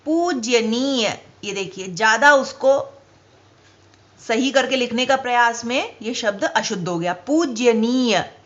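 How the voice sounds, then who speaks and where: A woman teacher giving a spelling lesson to children, speaking slowly and deliberately and stressing each example word. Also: a little high, fairly bright tone, dull audio.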